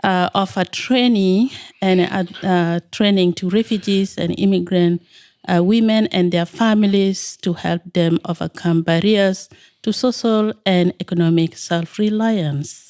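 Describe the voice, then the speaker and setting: A middle-aged woman from South Sudan speaks as an interview guest, slowly and with frequent pauses and fillers. Her voice is smooth and clear, sitting a little low. The studio recording is dry. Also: fairly even intonation, a little mellow, no room sound. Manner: measured, hesitant with many fillers. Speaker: nonprofit founder, guest. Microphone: studio microphone.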